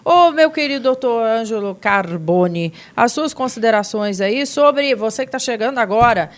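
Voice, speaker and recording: A woman's voice: fairly high pitch, expressive, moderate pace. A Brazilian woman hosting a podcast discussion, speaking in a sardonic, conversational way. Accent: Brazilian Portuguese. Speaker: podcast host.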